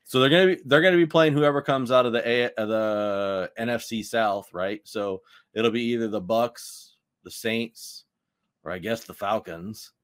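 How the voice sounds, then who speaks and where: A man's voice: fairly low pitch, moderate pace, dry recording, clean studio sound. A man co-hosting a casual sports podcast, rambling and ranting with heavy use of "like". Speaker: podcast co-host.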